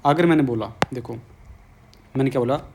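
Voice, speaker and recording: A man's voice: medium pitch, a little fast, background noise. A man with a Hindi accent teaching an exam-prep English grammar lesson, coaxing students and repeating his questions.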